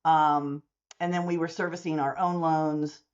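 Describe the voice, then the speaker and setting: A woman's voice: sits low, unhurried, muffled recording. A woman in her sixties, a mortgage services company owner, talking in a long-form interview and acting out the voices of people in her stories. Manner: animated storyteller who acts out quoted dialogue.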